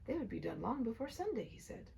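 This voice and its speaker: Woman, expressive literary read-aloud, animated intonation, creaky voice, hushed soft turns, slight background noise. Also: fairly high pitch, fast talker. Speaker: amateur audiobook narrator.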